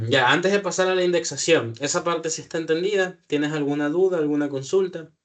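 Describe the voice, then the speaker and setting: A man's voice: fairly high pitch, moderate pace, fairly bright tone. A man teaching a programming lesson one-on-one, patient and thinking aloud, checking often that his student follows. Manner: patient, checks understanding with frequent "¿ya?"; self-correcting, thinks aloud with fillers. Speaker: programming tutor. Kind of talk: live one-on-one coding lesson.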